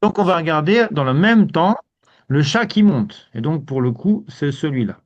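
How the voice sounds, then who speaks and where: A man teaching a live language lesson to students, in a relaxed way, repeating words and often saying "ok". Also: on the high side, moderate pace, highs cut off.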